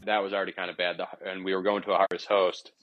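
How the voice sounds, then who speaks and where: A man in his thirties, a podcast guest, telling a rambling story in a relaxed way with restarts and chuckles. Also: sits low, rapid-fire, muffled recording. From Ohio. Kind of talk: casual storytelling.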